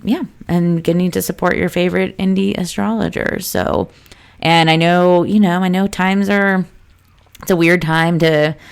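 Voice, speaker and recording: A woman with vocal fry, talking casually and chattily into a close podcast mic as an astrologer hosting her own show. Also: low-pitched. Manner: chatty, loose and informal, with frequent fillers and asides. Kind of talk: casual solo podcast talk.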